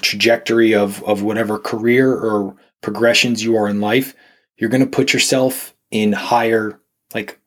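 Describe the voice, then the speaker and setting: A man, a nutrition coach guest on a podcast, talking casually and rambling with lots of fillers and restarts. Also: medium pitch.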